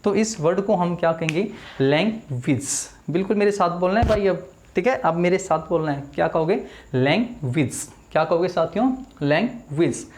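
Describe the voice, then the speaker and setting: A man's voice: high-pitched, darkish tone. Hindi-speaking man teaching English pronunciation. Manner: drills words slowly, repeats them, asks the class to repeat. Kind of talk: classroom video lesson. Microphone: small camera in front of him.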